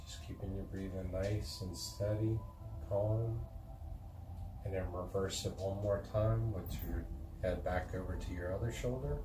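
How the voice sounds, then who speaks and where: A man calmly and gently leading a guided stretching routine as an instructor, talking in an unhurried way. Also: low voice. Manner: calm, gentle, unhurried coaching. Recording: echoey room, distant mic, noisy background.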